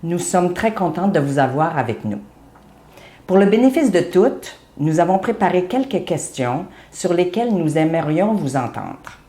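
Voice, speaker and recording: Woman, interviewer, formal read questions, mellow tone, echoey room. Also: fairly low pitch, big pitch swings, normal speed. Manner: formal, reads prepared questions.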